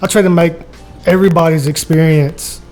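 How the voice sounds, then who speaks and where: A man's voice: on the high side, fairly even intonation, brisk, darkish tone, soft background music. An American man, a salesman being interviewed, chatting casually in a folksy, earnest way. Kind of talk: casual chat.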